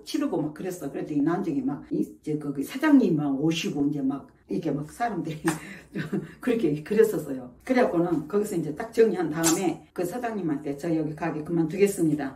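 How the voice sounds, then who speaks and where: A woman tells her own story in an animated, heated way, leaning hard on the moments that made her angry. Her voice sits a little away from the mic in an echoey room, so it sounds roomy and slightly distant. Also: mid-range voice. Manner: emphatic, heated retelling. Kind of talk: casual spoken life story.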